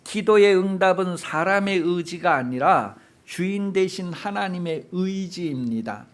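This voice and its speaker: A man's voice: sits high, expressive, measured pace. A male pastor preaching an emphatic sermon, asking the congregation rhetorical questions and raising his voice for emphasis.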